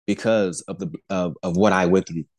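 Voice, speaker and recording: Man, 40s, pastor and airman, deepish voice, earnest testimony, repeats and restarts, dry close sound. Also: steady tone, moderate pace, darkish tone, dry recording. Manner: earnest preaching tone, many restarts and repeated words, chuckles between phrases. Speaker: pastor and Air Force airman, podcast guest. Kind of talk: candid faith testimony in a podcast conversation.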